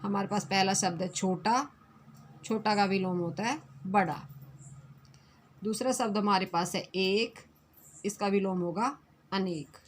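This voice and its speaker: A woman's voice: medium pitch, measured pace, long pauses, a little hiss or hum. A woman, a Hindi teacher, giving an online grammar lesson to young pupils and repeating each definition.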